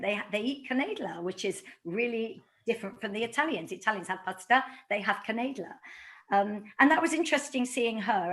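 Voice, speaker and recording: A middle-aged woman from London, an author giving a talk to a community audience, telling stories with animation and acting out quoted exchanges. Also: medium pitch. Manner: animated storytelling, acts out quoted dialogue.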